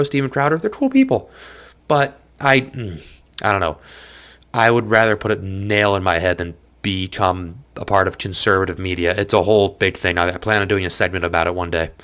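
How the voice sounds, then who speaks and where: Allergies have clogged the nose of this young podcast host, who rambles casually and self-deprecatingly on his solo show from a small apartment. His voice is fairly low with a fairly bright tone.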